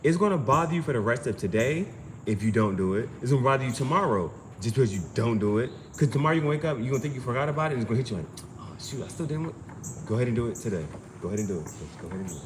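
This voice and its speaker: Very fast and lively in intonation, a man with a mid-range voice gives an informal reading as an amateur tarot reader and streamer. He urges his advice over and over, insistent and emphatic. The recording has clearly noisy background sound.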